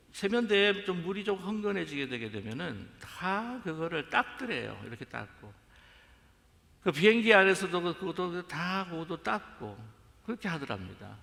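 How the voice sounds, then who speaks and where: Lively, gravelly male pastor preaching. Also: mid-range voice. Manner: addresses the congregation directly with rhetorical questions. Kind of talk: sermon. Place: church sanctuary. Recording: echoey church sanctuary.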